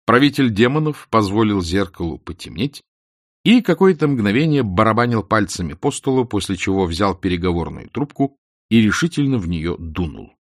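A male audiobook narrator with a gravelly, fairly low voice. His pitch moves a lot as he tells the story with plenty of expression. The recording is dry and close. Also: very animated, moderate pace, no room sound. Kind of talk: scripted narration.

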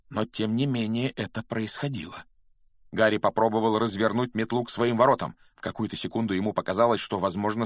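A man narrating a fantasy audiobook in a brisk, steady storytelling manner. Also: mid-range voice, no echo, studio quality. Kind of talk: scripted narration.

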